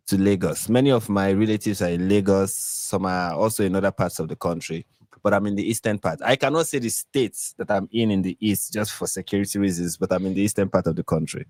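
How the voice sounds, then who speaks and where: A man from Nigeria with a Nigerian accent, a podcast guest explaining things in a measured way over a video call. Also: low voice, darkish tone, no echo. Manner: measured, explanatory, with fillers and lists. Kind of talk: explaining in a live stream interview.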